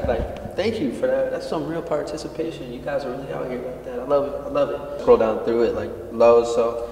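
A man's voice: medium pitch, darkish tone, a little hiss or hum. Breathless young man in an echoey gym. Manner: loose, slangy and chatty. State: out of breath after training. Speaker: fitness YouTuber. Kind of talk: casual vlog chat. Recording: echoey room from far off.

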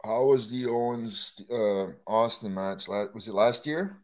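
Deep-voiced man hosting a casual livestream. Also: unhurried. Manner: relaxed, blunt, talks about wrestling buddies. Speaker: show host.

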